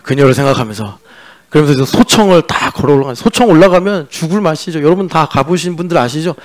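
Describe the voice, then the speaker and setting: Joking Korean pastor, fairly high voice. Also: male voice, animated, quick pace. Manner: conversational and joking, teasing the congregation; mixes in sung-style English lyric lines. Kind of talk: sermon. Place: church sanctuary.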